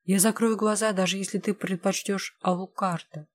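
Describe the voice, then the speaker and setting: A woman's voice: mid-range voice, fairly even intonation, normal speed, lightly acted. Woman voicing a fiery vampire empress. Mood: pleading. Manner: demanding, flaring into shouts then pleading. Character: proud, hot-tempered vampire empress, young woman.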